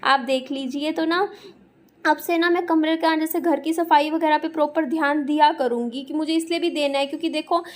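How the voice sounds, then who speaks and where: A woman's voice: sits high, steady tone, moderate pace, darkish tone. A young woman narrating her day in a chatty, rambling vlog, full of fillers. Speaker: vlogger.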